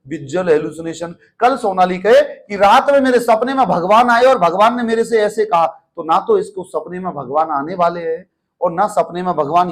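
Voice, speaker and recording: A man teaching a class in a playful, teasing way. He calls his students "beta" and mixes English terms into his talk. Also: high-pitched. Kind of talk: classroom lecture.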